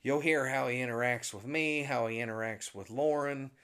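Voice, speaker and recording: A man's voice: mid-range voice, normal speed, smooth. A man, a pastor hosting a podcast, telling a comic family story in a casual way, laughing along and mimicking his parents' voices. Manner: animated, laughs through his own story.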